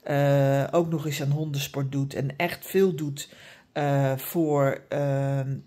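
A woman who specialises in dog behaviour gives calm, patient training advice, with many fillers and frequent tag questions. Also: extremely low pitch, takes it slowly. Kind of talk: explanatory advice talk.

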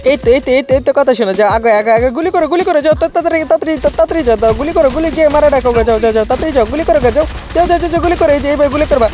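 A man giving comic, teasing commentary over a shooter match, yelling at his teammates. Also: very high-pitched, very fast, hardly any pauses, over music. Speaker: gamer.

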